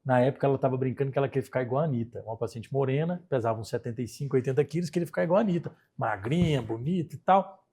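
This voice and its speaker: A man with a Brazilian Portuguese accent, a plastic surgeon being interviewed, telling anecdotes in an animated, chatty way. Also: medium pitch, rapid-fire, husky. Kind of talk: casual interview storytelling.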